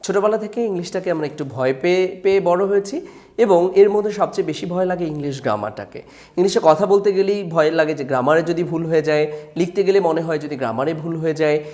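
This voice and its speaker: A man's voice: on the high side, brisk, darkish tone. A man with a Bangladeshi Bengali accent, an author presenting his own grammar book, listing its topics earnestly with frequent hesitations. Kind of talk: promotional talk to camera.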